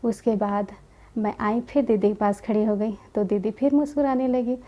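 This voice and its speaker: A young woman giving a gentle personal testimony about her spiritual path, quoting conversations in her own voice. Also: on the high side, fairly even intonation, moderate pace, highs cut off. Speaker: spiritual community member sharing her experience.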